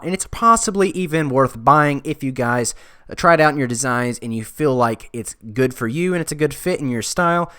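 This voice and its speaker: Young man, smooth clear tone, dry close sound, relaxed, lots of uhs. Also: a little high, dry recording. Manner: relaxed, thinking aloud with frequent uhs. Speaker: design video creator. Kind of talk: casual screen-recorded tutorial talk.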